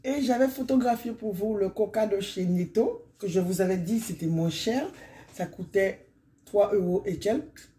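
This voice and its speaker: A hoarse, middle-aged woman from Guadeloupe chatting casually in a vlog, rambling and often wrapping up her points. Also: mid-range voice, moderate pace, noisy background. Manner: chatty and rambling, often sums up with "donc voilà". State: hoarse from illness. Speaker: vlogger.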